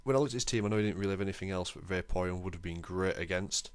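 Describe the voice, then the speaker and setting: Low-voiced man, chatty game commentary. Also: very fast, no echo. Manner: chatty, self-deprecating, lightly excitable. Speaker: gaming channel host. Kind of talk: casual game commentary voice-over.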